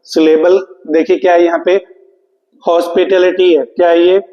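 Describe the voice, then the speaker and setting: Man teaching English for an exam, high voice, flat delivery, echoing classroom. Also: lo-fi sound. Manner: asks questions and answers them himself, repeating key words; reads English question text slowly and deliberately. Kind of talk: classroom lesson.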